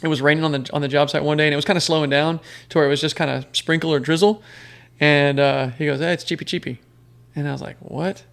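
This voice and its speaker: A man's voice: on the high side, flat delivery, fast talker, gravelly, a bit bright, clear, resonant tone. A man talking casually as a podcast guest, telling rambling stories full of fillers and restarts. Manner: rambling storyteller with many fillers. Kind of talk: casual conversation.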